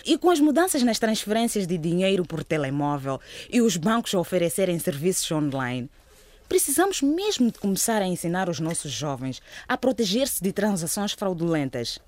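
A woman's voice: fairly low pitch, big pitch swings, moderate pace, a little mellow. An actress playing an earnest, questioning female police agent in a radio drama. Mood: earnest, concerned. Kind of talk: scripted radio drama acting.

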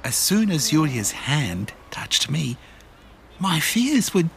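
Nervous fellow, very slow, swooping pitch, exclaiming, audio drama, noisy cabin. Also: male voice, big pitch swings, a bit bright, full character voice. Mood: eager, reminiscing. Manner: breathy exclamations, halting German. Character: nervous, excitable, self-pleased man, Harry. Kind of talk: bilingual audio drama acting.

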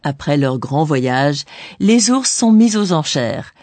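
Mellow, dry-sounding woman course narrator. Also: low-pitched, big pitch swings, no room sound. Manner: didactic, pauses on key words. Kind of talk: scripted bilingual explanation.

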